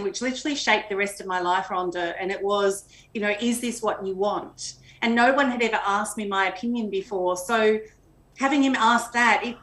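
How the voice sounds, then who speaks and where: A middle-aged woman speaks as an interview guest, reflective and sincere as she tells her story. She is on a video call from a room at home, and the sound is roomy and echoey. Her voice sits at a medium pitch. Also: a bit bright. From Australia. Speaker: guest, magazine editor. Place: home room with flowers and shelves.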